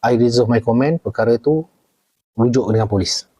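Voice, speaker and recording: A middle-aged man with a Malaysian Malay accent takes viewer questions in a loose live chat. His voice is husky and mellow. He talks animatedly, jumping up high to hammer a point home and tossing in quick "okay?"s. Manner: animated, leaps high for emphasis, keeps checking in with "okay?" and "right?". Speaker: retired army officer answering viewer questions. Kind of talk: casual live Q&A.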